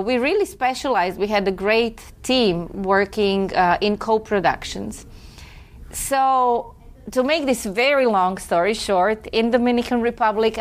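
Appearing as a guest in a relaxed interview, a Croatian film festival director talks in a reflective, chatty way. Her voice is mid-range, and she laughs and corrects herself occasionally.

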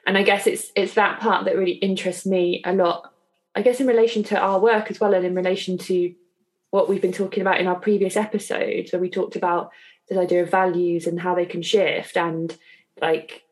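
A woman's voice: fairly low pitch, level tone, a little fast. Thoughtful woman co-hosting a podcast. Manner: thoughtful, hesitant, many fillers. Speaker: podcast co-host. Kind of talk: reflective casual chat.

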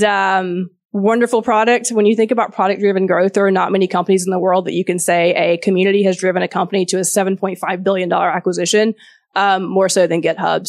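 A woman from the American South speaks in a chatty, informal way with a Southern accent. She sounds like a startup investor giving a relaxed-format talk to founders. Her voice sits at a medium pitch, and the sound is dry, without room echo. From Georgia, US South. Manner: chatty, informal, asks audience questions. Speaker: venture capital partner, conference speaker.

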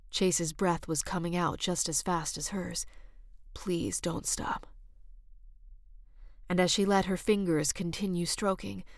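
A woman narrating an audiobook in a soft, intimate manner, often sinking into a hushed whisper. Her voice sits a little low. The recording is dry and close. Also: no room sound. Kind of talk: scripted narration.

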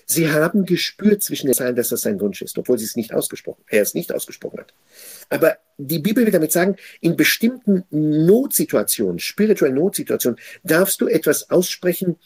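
Male Torah teacher, husky and mellow, emphatic delivery with repeated phrases and scripture quoted aloud. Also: mid-range voice. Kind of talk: weekly Torah portion commentary.

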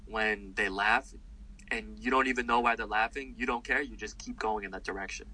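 A man's voice: fairly low pitch, fairly quick, slightly rough, rough recording. A male comedian being interviewed, talking in a loose, rambling way with lots of fillers and restarts. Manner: rambling and animated, with many fillers. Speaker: comedian guest. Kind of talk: casual interview talk.

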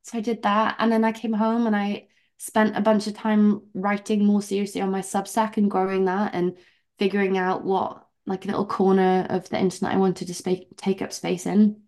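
A young woman from England talks as a podcast guest in a relaxed interview. She tells her story in an animated, chatty way, full of "like" fillers. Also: medium pitch, moderate pace. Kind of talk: casual interview chat.

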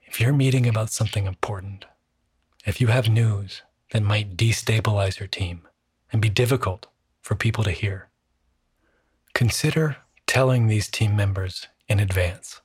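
Male meditation guide: hushed and very breathy, lowish pitch, calm, soothing delivery, close dry sound. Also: moderate pace, no room sound. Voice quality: soft, breathy, husky.

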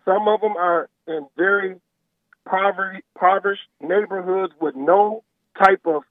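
High-voiced man calling in on speakerphone. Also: steady tone, moderate pace, dry recording. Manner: insistent, repeats himself to hold the floor. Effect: speakerphone call over a phone line. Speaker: caller. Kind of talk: heated call-in debate. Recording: tinny, dry phone line.

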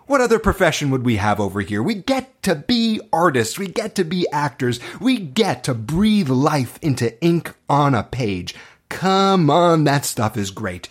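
An acting teacher, a man of medium pitch, motivates his class by telling stories from his own life. He is sincere and intense, punctuating his words with dramatic emphasis.

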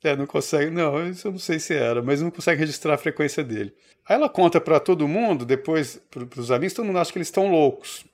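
Male podcast co-host from Brazil, rapid animated storyteller, slightly higher voice. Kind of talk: casual storytelling chat.

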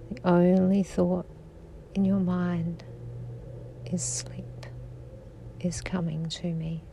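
A woman guiding a sleep meditation in a slow, soothing voice that drifts into whispers. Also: on the low side, little pitch movement, creaky, dark tone, a little hiss or hum, poor audio. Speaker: sleep hypnosis guide.

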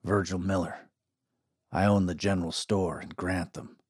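A man voicing a calm, hard-bitten frontier shopkeeper who speaks in short, clipped sentences. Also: normal speed. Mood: curt. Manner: curt, low, clipped.

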